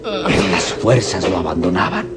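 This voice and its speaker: A man narrating a dramatic radio serial in a theatrical, suspenseful manner with deliberate pauses. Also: low-pitched, wildly swooping pitch. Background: dramatic music.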